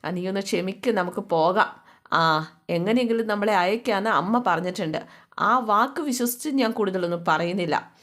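A woman's voice: medium pitch, moderate pace, a bit bright, natural voice. A woman voicing a patient young husband who coaxes and placates his angry wife. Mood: soothing. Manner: coaxing, placating.

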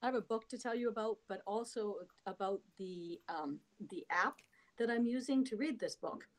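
A woman's voice: medium pitch, normal speed. An older woman, a club member, recommending a book on a video call in a chatty, hesitant way.

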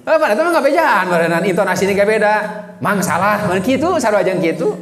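Man, Sundanese accent, Islamic teacher, high voice, quizzing listeners, long hall reverb. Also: fast, a crowd in the background. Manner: animated, quizzes listeners with questions. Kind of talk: religious study lecture. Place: mosque hall.

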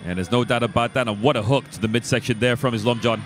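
A man's voice: mid-range voice, fast, faint music behind. A man giving live sports commentary as a fight commentator.

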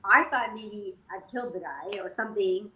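A woman in her forties from Canada, a jockey guest telling stories in an animated, casual way full of fillers. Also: mid-range voice, moderate pace. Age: 40s. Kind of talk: casual interview storytelling. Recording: echoey room, faint noise.

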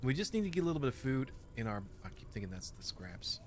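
Excitable young man narrating his gameplay. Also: mid-range voice, fast, slight background noise. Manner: excitable, jokey, exclaims often. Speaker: gaming channel host. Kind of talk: let's play commentary.

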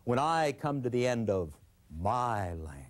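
A man voicing a boastful Texan traveler who brags about his land in a folksy, lively way. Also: mid-range voice, slow pace. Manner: folksy, bragging.

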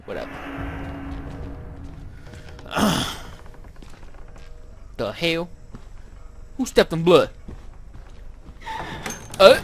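A man's voice: fairly high pitch, sing-song, very slow, vocal fry, long pauses, a little hiss or hum. A young man giving let's-play commentary on a horror game, jumpy and swearing, with nervous laughs. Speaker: gamer playing a horror game. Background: game music.

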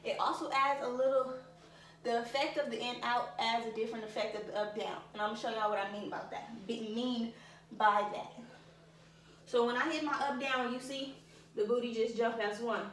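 A woman's voice: fairly high pitch, fairly even intonation, brisk, a bit bright. A young woman teaching a dance tutorial, chatty and a bit out of breath, counting moves aloud and calling her viewers y'all. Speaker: dance instructor. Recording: echoey room, distant from mic.

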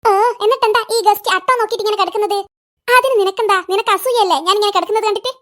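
A woman's voice: extremely high pitch, racing, fairly bright tone. A woman voicing Kunjami, a bossy, self-important elder-sister figure in a cartoon, who scolds and brags. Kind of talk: cartoon voice acting.

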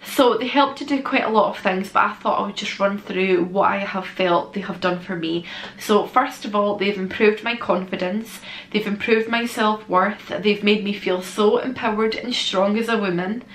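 A woman around thirty chats to camera like a self-help influencer, encouraging, sweary and jokey. Her voice sits at an ordinary pitch for a woman. The bedroom sounds roomy and echoey, with noticeable background noise. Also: moderate pace, a bit bright. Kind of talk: casual self-help vlog chat. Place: small bedroom, indoors.

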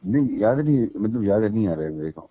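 A man with a lowish voice speaks over a muffled phone line. He talks very fast. He earnestly makes long explanations in formal, religious vocabulary. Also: expressive, husky. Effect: heard over a phone line. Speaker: online video maker taking a call. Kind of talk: casual phone conversation. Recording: muffled phone call recording.

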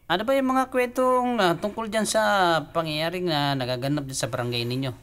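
A man's voice: fairly high pitch, brisk, a bit bright, clean tone. A man playing the straight man in a stand-up comedy duo, setting up jokes and reacting with short interjections. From Philippines.

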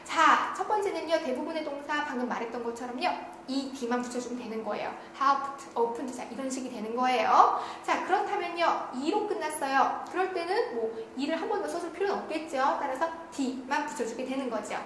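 A woman's voice: sits high, expressive, fairly quick, fairly bright tone. A woman giving a recorded online grammar lecture. She keeps saying "자" and asks questions that she then answers herself. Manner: repeats "자" often, asks and answers her own questions. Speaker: English grammar teacher. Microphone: studio lecture recording. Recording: very echoey room with faint noise.

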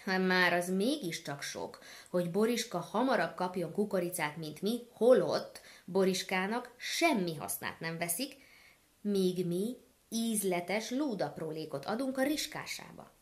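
A woman's voice: lowish voice, expressive, lightly acted. A woman voicing an indignant, bossy male gander who hisses his complaints in a storybook tale. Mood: grumbling. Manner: hissing, grumbling complaints.

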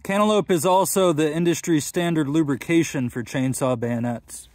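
A young man in his twenties hosting a gun channel, narrating a workshop project in a dry, deadpan comic voice. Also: a little high, moderate pace, a little hiss or hum. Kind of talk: deadpan comedic vlog narration. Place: workshop and backyard.

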